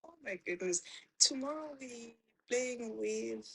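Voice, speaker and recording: A woman's voice: on the high side, expressive, vocal fry, fairly bright tone, a little hiss or hum, rough recording. A woman, a guest on a live chat, answering bluntly with dry jokes. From South Africa. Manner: blunt, joking quick replies. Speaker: guest caller.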